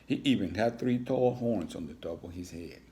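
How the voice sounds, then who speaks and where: Man reader, low, storybook read-aloud, chatty asides. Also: animated, normal speed, dark tone. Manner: adds chatty asides to listeners. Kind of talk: reading a children's story aloud.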